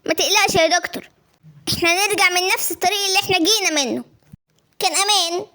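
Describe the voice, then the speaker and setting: A woman's voice: very high-pitched, racing, bright, forceful tone, pitched below the performer's own voice. A woman with an Egyptian accent voicing a brave, protective young boy in a spoken story. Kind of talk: voiced storytelling.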